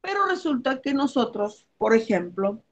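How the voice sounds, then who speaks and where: Woman, biology teacher, gravelly fry, muffled lo-fi sound; keeps asking "ok?" between points. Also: fairly high pitch, sing-song, moderate pace. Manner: explains with everyday examples, checks in with "¿ok?" and "¿ya?". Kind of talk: online review lesson.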